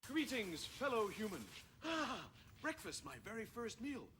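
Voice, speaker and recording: A man's voice: very high-pitched, sing-song, a little slow, crowd noise, exaggerated voice. An actor playing a fussy male mechanoid newly turned human, speaking in formal, mechanical phrases, from a TV sitcom clip with studio audience laughter behind. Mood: earnest. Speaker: sitcom character played from a TV clip.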